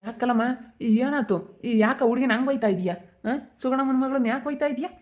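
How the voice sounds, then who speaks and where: A man playing a village elder brother with a rural Chitradurga Kannada accent, talking quickly to calm things down. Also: extremely high pitch. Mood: pleading. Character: older village brother-figure, calm mediator. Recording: tinny phone-like recording.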